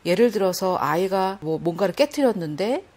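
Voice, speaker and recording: A woman's voice: mid-range voice, lively intonation, normal speed, darkish tone. A woman giving sermon-style Bible teaching, earnest and explanatory, speaking straight to her listeners and acting out quoted dialogue.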